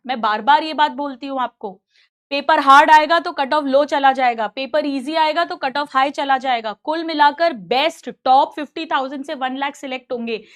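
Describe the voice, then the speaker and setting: A middle-aged woman with a high voice gives a motivational talk to her students. She sounds motherly and caring, and she stresses points by repeating them. She slips English phrases into what she says. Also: fairly bright tone. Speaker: coaching teacher.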